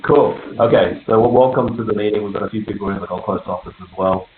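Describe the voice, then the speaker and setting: A man runs a company update over a group voice call, chatty and loose, with little laughs and fillers between points. His low voice comes through a tinny, echoey call line with a faint hiss behind it. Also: fast. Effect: group voice call, heard over a conference line. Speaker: meeting host for a real estate network. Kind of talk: casual business meeting update.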